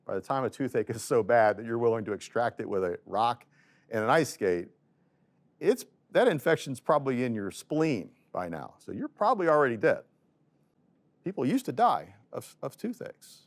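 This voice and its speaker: A middle-aged man, an economics professor, giving a classroom lecture in a lively, joking storytelling manner. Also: medium pitch, normal speed. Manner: lively, joking storyteller voicing quoted arguments.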